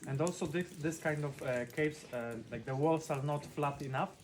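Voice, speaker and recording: A man with a slightly high voice gives an informal guided tour as a non-native English speaker. He explains plainly and slips in dry jokes. The recording is made on location in a cave, with some background noise and clicks. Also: moderate pace. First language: not English. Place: inside a cave.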